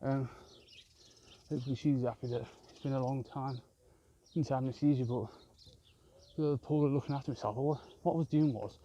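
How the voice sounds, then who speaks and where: A man's voice: mid-range voice, steady tone, brisk, mellow, dull audio. A man rambling and swearing constantly as he films a vlog on a walk outdoors in a park with his phone. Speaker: vlogger. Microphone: handheld phone camera.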